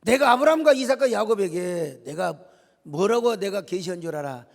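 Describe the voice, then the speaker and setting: A preacher voicing a calm, self-assured God. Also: male voice, high voice, moderate pace. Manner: relaxed, assured declarations. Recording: echoey church hall.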